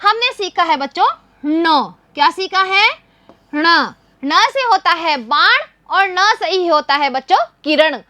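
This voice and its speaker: Woman teacher for young kids, high and bright, patient call-and-response, dry close recording. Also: expressive, takes it slowly, dry recording. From India. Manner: patient, repeats questions and answers for young children. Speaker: primary school teacher. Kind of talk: children's Hindi writing lesson.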